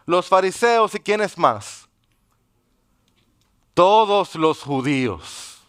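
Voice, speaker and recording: A man preaching in church, his voice pitched high and ringing clear. He teaches his congregation, pausing often to quiz them and check they follow. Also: sing-song, a bit bright. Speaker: pastor. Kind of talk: sermon.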